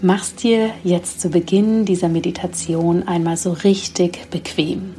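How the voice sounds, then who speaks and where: A woman guiding a sleep meditation like a bedtime sleep story narrator, speaking softly and soothingly with long, slow pauses. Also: lowish voice, steady tone, faint music behind. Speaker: podcast host leading a guided sleep meditation.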